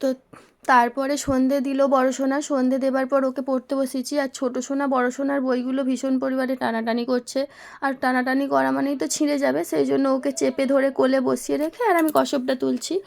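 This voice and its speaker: A woman's voice: sits high, little pitch movement, fairly quick, gravelly, darkish tone. A young woman, casually narrating her day of household chores as a mother, recorded on a phone. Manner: chatty, homely narration of daily chores. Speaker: vlogger, mother.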